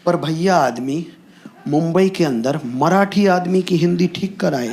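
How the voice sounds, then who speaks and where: A man's voice: fairly high pitch, measured pace, darkish tone. A man doing a stand-up comedy set on stage into a handheld mic, telling stories and mixing in English punchlines. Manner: storytelling, mixes Hindi with English punchlines. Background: audience laughter.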